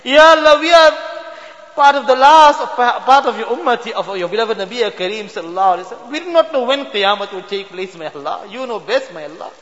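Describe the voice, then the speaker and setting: In a mosque prayer hall, a man leads an impassioned prayer of supplication, pleading as his voice breaks with emotion. His voice is very high, expressive, fairly bright and fast. The recording sounds dull and reverberant.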